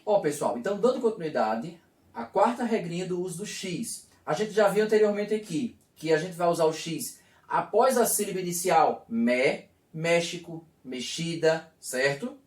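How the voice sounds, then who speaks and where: A man's voice: a little high, lively intonation, normal speed. A man teaching a video lesson, explaining step by step and asking and answering his own questions. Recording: echoey room, voice from far off.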